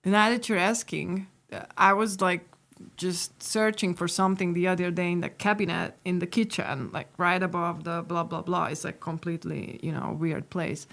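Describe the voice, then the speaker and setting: Hungarian-born woman, middle-aged, low gravelly voice, lively storyteller for a casual podcast. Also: moderate pace. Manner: chatty, laughs often, acts out quoted lines. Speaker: co-host telling her life story.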